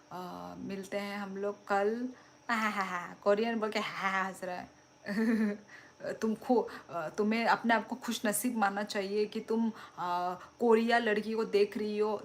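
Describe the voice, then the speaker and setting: A woman's voice: mid-range voice, a little hiss or hum. A young woman hosting a casual live stream, chatting and laughing as she reads out and answers viewer comments. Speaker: livestream host.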